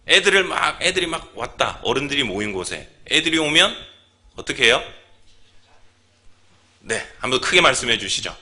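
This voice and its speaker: A man's voice: mid-range voice, bright, forceful tone. A man preaching a sermon as pastor, speaking to his congregation, asking them questions and acting out the people in his story. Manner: engaging, asks the congregation questions. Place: church.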